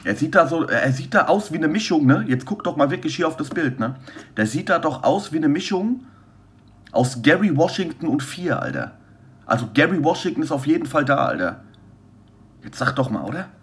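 A man's voice: on the high side, very animated, brisk. A man hosting a casual reaction commentary, rambling and joking as he judges rap flows, often restarting his sentences. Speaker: host reacting to rap battle entries.

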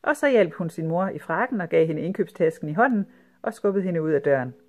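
Calm storybook reader. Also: mid-range voice. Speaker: narrator. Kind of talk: storybook reading aloud.

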